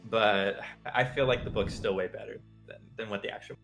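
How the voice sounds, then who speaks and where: A man co-hosts a live stream, chatting casually in an informal, conversational way. His fairly low voice is steady in tone, a bit bright and fairly quick, with vocal fry. Faint music plays behind him.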